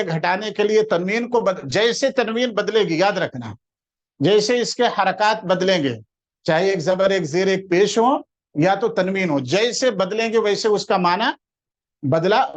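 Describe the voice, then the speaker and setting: A man teaching a classroom grammar lesson, explaining patiently, quizzing his listeners with questions and slowing down to spell out example words. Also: high-pitched, lo-fi sound.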